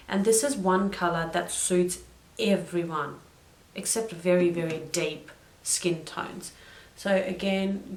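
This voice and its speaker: Chatty woman in a roomy echo. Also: on the low side. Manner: chatty, wanders off into side stories, corrects herself. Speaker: beauty vlogger. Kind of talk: makeup tutorial chat.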